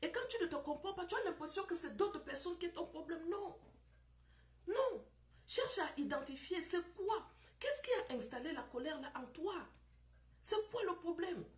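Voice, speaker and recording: A woman's voice: extremely high pitch, lively intonation, moderate pace. Woman preaching on marriage, keeps repeating herself for emphasis, echoey room. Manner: emphatic, with repeated phrases and rhetorical questions.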